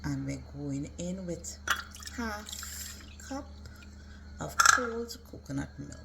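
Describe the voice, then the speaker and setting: A woman's voice: sits low, lively intonation, takes it slowly, gravelly, heavy background noise. A woman giving a casual, step-by-step cooking demonstration as a home cook. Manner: instructional, step-by-step. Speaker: home cook presenting a recipe.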